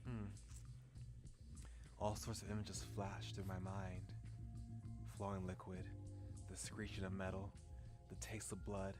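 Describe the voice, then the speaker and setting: A man's voice: deep voice, monotone, a little slow, pauses often. A man streaming a visual novel, reading it aloud and chatting, laughing often and trailing off. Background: game music.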